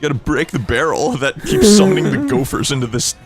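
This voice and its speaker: A man co-hosting a let's play, teasing his friend with sarcastic jokes and quick giggles. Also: fairly high pitch, wildly swooping pitch, over music. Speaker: co-host of a gaming let's play. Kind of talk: casual let's play banter.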